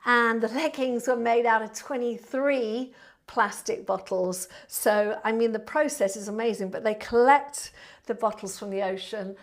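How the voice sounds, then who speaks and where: A woman with a southern English accent chatting casually to viewers as a Pilates instructor, in a warm, friendly, chatty manner. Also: fairly high pitch, unhurried. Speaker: Pilates instructor and online class host. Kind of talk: casual livestream chat to viewers. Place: indoor studio.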